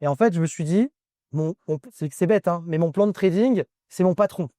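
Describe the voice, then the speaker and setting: Man, fairly high voice, warm and mellow tone, casual interview guest, short broken phrases, dry close sound. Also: moderate pace, no room sound. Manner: gives direct advice in short broken phrases. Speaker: guest trader.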